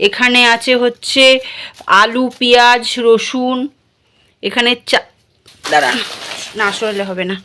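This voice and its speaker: A woman's voice: a little high, steady tone, unhurried, pauses often, pushed and bright, slight background noise. A woman in a casual vlog, talking straight to her viewers as she shows what she bought. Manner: chatty, addresses viewers directly. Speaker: vlogger.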